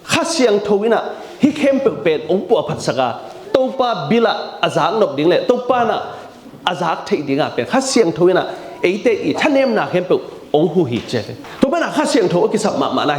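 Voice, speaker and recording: Animated male preacher, echoey room. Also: sits high. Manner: mixes English terms into his speech; lively, animated delivery with frequent repetition. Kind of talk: sermon.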